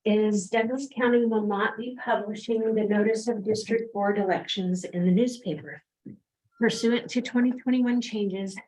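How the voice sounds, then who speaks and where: A woman's voice: medium pitch, dark tone, slight background noise, poor audio. A woman on a transit district's staff giving an update at a board meeting, hesitant, with many fillers and restarts.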